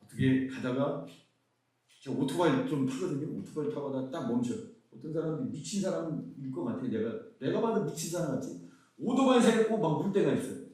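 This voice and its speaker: Lively male pastor in an echoey hall. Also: on the high side, a little fast. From Seoul, South Korea. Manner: lively preaching with rhetorical questions. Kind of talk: conference sermon. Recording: very echoey hall, mic far off.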